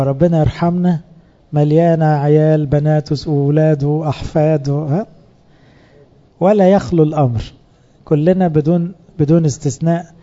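A man with an Egyptian accent preaches to a room of fellow priests in a relaxed, conversational way, often stopping to pose questions and answer them himself. His voice is very dark and mellow and sits a little high. The recording is somewhat dull and lo-fi. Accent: Egyptian Arabic. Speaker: priest teaching other priests. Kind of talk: sermon.

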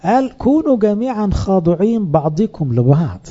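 A man with an Egyptian accent preaches to a room of fellow priests in a relaxed, conversational way, often stopping to pose questions and answer them himself. His voice is very dark and mellow and sits a little high. The recording is somewhat dull and lo-fi. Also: a little fast. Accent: Egyptian Arabic. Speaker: priest teaching other priests. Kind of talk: sermon.

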